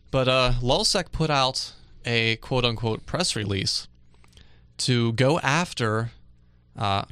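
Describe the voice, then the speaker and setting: A man hosting a casual tech news podcast, chatty and relaxed, with lots of fillers and easy laughs. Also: medium pitch, clear, resonant tone, dry recording, studio quality. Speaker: podcast host. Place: dry studio.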